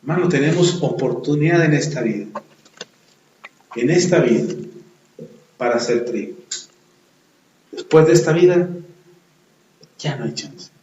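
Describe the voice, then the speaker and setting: Pastor preaching in an echoey room. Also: male voice, a little high, lo-fi sound, a little hiss or hum. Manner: animated, acts out quoted voices. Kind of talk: sermon.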